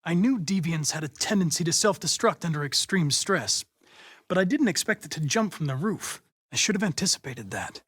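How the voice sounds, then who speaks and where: A young male android detective from a video game speaks with an American accent and a notably high, slightly bright, husky voice. His phrasing is precise, measured, and formal, yet animated, coming across as polite and analytical with earnest determination underneath.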